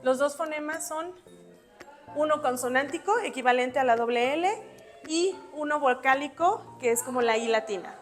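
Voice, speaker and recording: A woman's voice: high voice, moderate pace, faint music behind. A woman giving an exam-prep spelling lesson, patiently explaining rules step by step with examples while writing on a board. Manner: writes on a board while talking. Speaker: spelling teacher.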